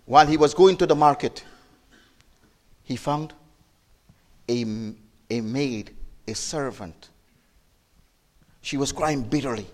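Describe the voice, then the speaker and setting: A man giving a sermon as a preacher, telling a story with emotive rises and hushed drops, repeating words and restarting. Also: takes it slowly, long pauses. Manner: emotive, rises and drops sharply in pitch and loudness; repeats words and restarts, non-native phrasing.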